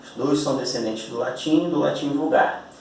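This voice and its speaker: A male teacher with a slightly high, a little mellow voice and some vocal fry explains grammar at a board at a moderate pace. He's chatty, keeps checking on his students, and draws out important words. The classroom audio is echoey, distant, and roomy, with a little hiss or hum.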